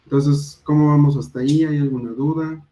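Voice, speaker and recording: A young man with a Mexican Spanish accent giving a recorded programming lecture in a relaxed, conversational way, with frequent fillers and tag questions. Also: on the high side, a little fast, low-quality recording. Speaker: university lecturer.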